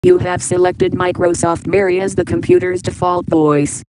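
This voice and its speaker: A woman's voice: lowish voice, level tone, normal speed, a little mellow, clean tone, dry recording, low-quality recording. A robotic synthesized female computer voice with an evenly clipped machine delivery. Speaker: text-to-speech system voice.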